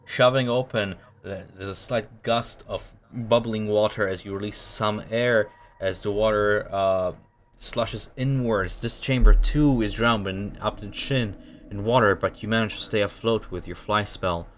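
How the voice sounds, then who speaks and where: Low-voiced male game master, halting delivery. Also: a little hiss or hum. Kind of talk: narrating a tabletop role-playing game.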